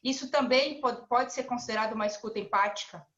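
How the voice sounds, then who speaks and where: A woman's voice: on the high side, fast, a bit bright, reverberant, dull audio. A woman seminar participant asking a question, searching and hesitant, reflecting on her own habits.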